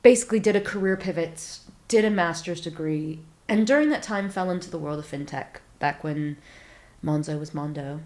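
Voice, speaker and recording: An American woman in her thirties tells stories in a loose interview chat, her voice sitting a little low. She acts out her own reactions with plenty of fillers. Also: normal speed, a little mellow. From Silicon Valley, California, USA. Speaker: startup founder, guest.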